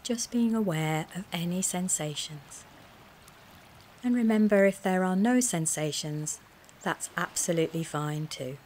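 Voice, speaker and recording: A wellness coach with a slightly low voice leads a mindfulness relaxation session, speaking gently and soothingly. She uses short, measured phrases separated by pauses, and clear background noise can be heard on the recording.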